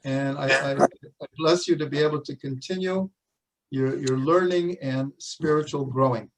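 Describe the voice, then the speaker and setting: A man, a rabbi, opens his online lecture and welcomes students in a warm, measured way. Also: mid-range voice, far from the mic, soft background music, poor audio.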